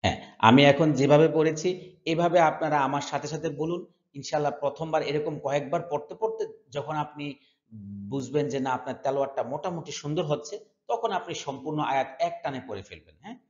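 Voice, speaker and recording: A man with a Bangladeshi Bengali accent teaching Quran recitation, chanting verses in drawn-out syllables and repeating sounds for students to follow. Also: fairly high pitch. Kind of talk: slow tajweed lesson with chanted recitation. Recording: echoey room, dull lo-fi sound.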